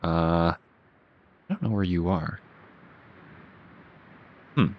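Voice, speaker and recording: A man with a Boston accent giving relaxed, casual commentary as he plays a game, musing aloud and chuckling at himself. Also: low voice, slow, muffled recording. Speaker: gaming channel host.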